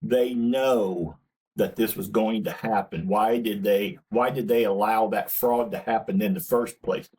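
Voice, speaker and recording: Slow, husky, indignant man ranting. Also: on the low side, steady tone, darkish tone, rough recording. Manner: blunt, indignant, swears. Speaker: channel host. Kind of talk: political opinion rant.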